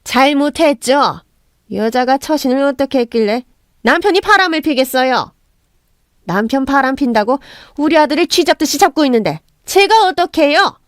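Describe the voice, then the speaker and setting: A woman's voice: high voice, lively intonation, normal speed, dry recording, studio quality. A woman voicing a haughty middle-aged mother-in-law who scolds and curses her son's wife. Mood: contemptuous. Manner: contemptuous, scolding, cursing.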